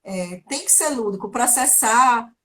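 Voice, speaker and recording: A woman's voice: on the high side, expressive, moderate pace, fairly bright tone, a little hiss or hum. A woman speaking as a guest speech therapist in a live online chat, giving practical tips with everyday examples. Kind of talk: casual explanatory live chat.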